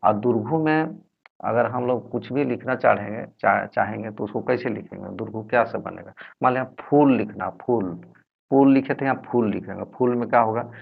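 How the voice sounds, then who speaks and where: A man with a Jharkhand Hindi accent teaches Hindi letters, sounding out syllables one by one and repeating them. His voice sits low and is husky with a gravelly edge. The recording is dull and lo-fi. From Jharkhand, India. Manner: slow, repetitive, sounding out syllables. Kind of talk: explaining Hindi letters at a board.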